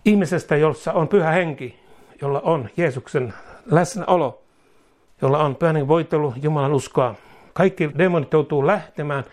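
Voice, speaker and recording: A man preaching a sermon, emphatic and repetitive, rising into fervent prayer. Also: on the high side.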